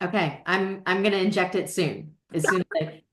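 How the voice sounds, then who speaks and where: A woman's voice: fairly low pitch, brisk. A woman hosting a casual library book chat, talkative and self-deprecating, laughing often. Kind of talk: casual chat about books.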